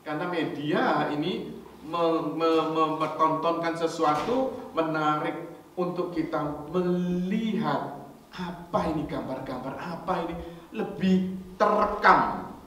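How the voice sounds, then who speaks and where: A male pastor tells stories in a chatty, animated way, checking in with his listeners and mixing in English. His fairly high voice booms around a very echoey church hall. He is heard from far off the mic over faint noise. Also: slow. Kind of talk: storytelling sermon.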